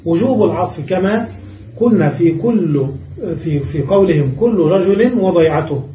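A man's voice: sits high, animated, moderate pace, a little hiss or hum. A man teaching an Arabic grammar lesson, explaining step by step and asking his students rhetorical questions. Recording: dull, echoey room from far off.

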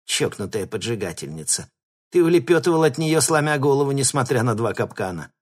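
A man's voice: very animated, fairly quick. A man voicing a cowardly, sarcastic male henchman with a squealing voice in an audiobook. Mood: mocking. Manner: shrill and squealing.

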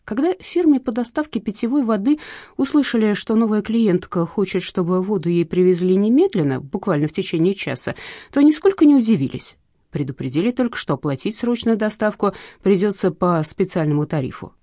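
Woman reading a comic audiobook, lively. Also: mid-range voice, fairly quick, dry recording, clean studio sound. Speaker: audiobook narrator. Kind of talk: scripted narration.

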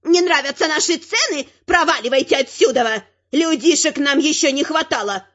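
A woman's voice: sits high, expressive, moderate pace. A woman voicing a small, rude male troll gate guard with a grating voice. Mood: hostile. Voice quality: nasty grating voice. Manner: rude and shouting. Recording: slightly dull lo-fi sound.

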